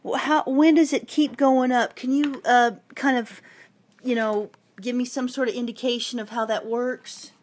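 A woman with a high voice talks into a handheld phone outdoors in a parking lot. She stays polite but keeps pressing for clear answers, asking again and again until she gets them. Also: fairly even intonation, normal speed, a little mellow. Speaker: towing victim filming her ordeal. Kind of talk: handheld phone vlog and phone call. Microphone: phone camera held in hand.

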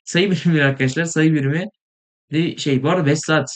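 A young man casually commenting on his gameplay, rambling and excitable, sometimes mumbling, saying he is tired. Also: on the high side, fast. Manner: rambling, excitable, swears in frustration, trails off into mumbling. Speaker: gaming video host.

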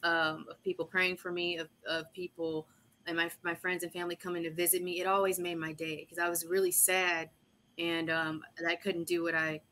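A woman's voice: lowish voice, little pitch movement, moderate pace, pushed and bright, a little hiss or hum. A woman speaking as a panelist, reflectively sharing a grateful personal story over a video call.

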